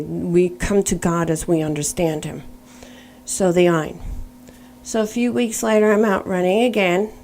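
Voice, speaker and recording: A woman's voice: fairly low pitch, darkish tone, slight background noise. Earnest woman telling her testimony. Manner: earnest, storytelling, spells out words letter by letter. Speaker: faith testimony speaker. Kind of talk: personal testimony.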